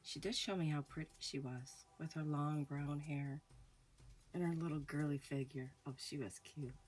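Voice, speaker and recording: Hosting a ghost story show, a woman recounts her own haunting slowly, hushed, with dramatic pauses. Her voice sits low with fairly even intonation and sounds a little off as she recovers from a recent illness. The audio quality is poor.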